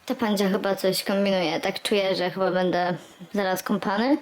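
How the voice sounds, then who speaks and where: A woman's voice: mid-range voice, steady tone, moderate pace, voice pushed down, close to an everyday voice, rough recording. Woman voicing her nervous pet dog. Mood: uneasy. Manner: worried then relieved, dog's inner voice. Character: nervous male pet dog dreading a bath.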